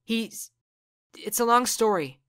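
A woman's voice: on the high side, animated, slow, a bit bright, clear, resonant tone, no echo, studio quality, pitched above the performer's own voice. A woman voicing a frightened teenage boy who pleads with and protests to his mother. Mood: pleading.

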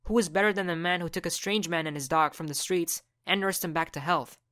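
A woman voicing a kind, grateful older man who speaks calmly and earnestly. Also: on the low side, a little fast, dry recording, clean studio sound, close to an everyday voice.

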